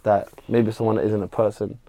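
A man's voice: fairly low pitch, level tone, brisk, dark tone, no echo. A man with a London accent hosting a podcast in casual, slangy interview chat. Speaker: podcast host.

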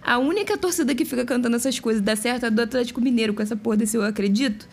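A woman's voice: a little high, very fast, darkish tone, slightly rough. A Brazilian woman on a casual football podcast, speaking in an exasperated tone and swearing casually. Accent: Brazilian Portuguese.

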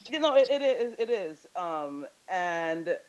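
A man from Guyana and Brazil speaking in a casual discussion, halting, with many fillers and restarts. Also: sits high, big pitch swings, darkish tone. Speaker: participant in an audio chat room. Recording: dull lo-fi audio.

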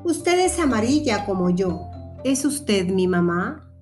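A woman's voice: medium pitch, sing-song, slow pace, darkish tone, soft background music. A woman voicing a tiny, lonely little boy parrot who speaks in a pleading, childlike way. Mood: hopeful.

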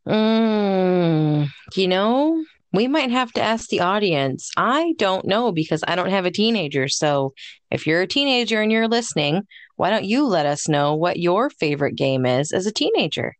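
A woman co-hosting a casual podcast chat, speaking in a gentle, encouraging and thoughtful way. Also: medium pitch, big pitch swings, moderate pace, no room sound. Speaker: podcast co-host.

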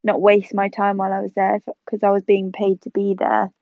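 A woman's voice: mid-range voice, monotone, a little fast, no room sound. A woman in her twenties, originally from South Africa, chatting casually as an interview guest and laughing easily. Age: 20s. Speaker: guest photographer. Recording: tinny phone-like line.

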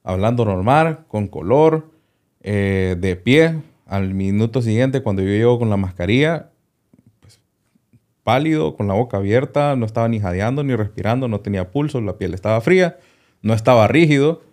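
Low, warm-voiced man telling a story. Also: lively intonation, moderate pace. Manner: hesitant, often repeats small words. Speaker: doctor, interview guest. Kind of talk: recounting a personal story in an interview.

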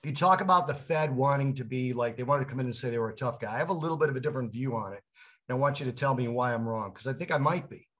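A man co-hosting a casual podcast chat, an animated storyteller who acts out quotes in other voices. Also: mid-range voice, racing. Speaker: co-host.

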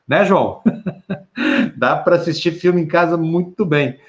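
A man's voice: on the high side, takes it slowly. Chatty Brazilian man hosting a live stream. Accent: Brazilian Portuguese. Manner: chatty, teasing. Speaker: host. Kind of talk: casual live-stream chat. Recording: dull lo-fi stream audio.

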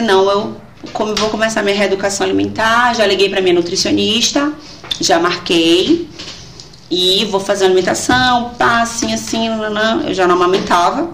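Animated woman telling her story, roomy sound. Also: medium pitch, a little hiss or hum. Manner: animated and expressive, acts out quoted voices. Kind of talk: casual conversation, personal storytelling. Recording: roomy echo.

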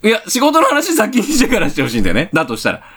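A man's voice: high-pitched, huge pitch swings, rapid-fire, fairly bright tone, husky. A man improvising a comedy sketch on a podcast, playing a bossy, teasing senior colleague.

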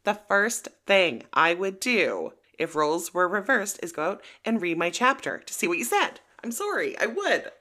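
A woman's voice: mid-range voice, big pitch swings, moderate pace, hardly any pauses, pushed and bright. A woman co-hosting a podcast, chatting animatedly about reality TV, laughing often and mimicking people. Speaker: podcast co-host. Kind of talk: casual gossip chat.

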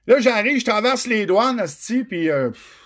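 Man, Quebec French accent, middle-aged, high-pitched, raw and emotional, swears a lot, talks straight to viewers. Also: animated, moderate pace, a bit bright. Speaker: truck driver telling his story. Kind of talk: emotional personal monologue.

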